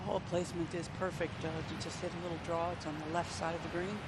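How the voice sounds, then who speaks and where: A male golf commentator offers conversational analysis of shots and greens. His pitch is notably high for a man, and heavy outdoor background noise surrounds the voice. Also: little pitch movement, fast talker.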